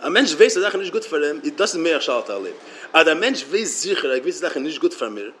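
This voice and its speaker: Guy w a teaching torah, talks quick and a bit high, keeps stumbling n repeating himself. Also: sing-song, fairly bright tone. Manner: halting, repeats words and restarts. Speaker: religious teacher. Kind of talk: Torah lecture.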